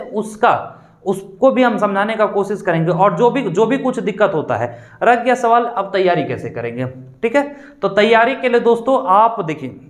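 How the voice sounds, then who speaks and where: A man teaching an online exam-prep class, explaining patiently and repeating his points as he addresses the viewers as friends. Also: high-pitched. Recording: roomy echo.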